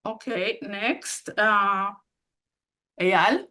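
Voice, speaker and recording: Slow, halting woman host. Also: mid-range voice, sharp tone. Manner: halting, with many pauses and fillers. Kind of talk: introducing panelists at an event.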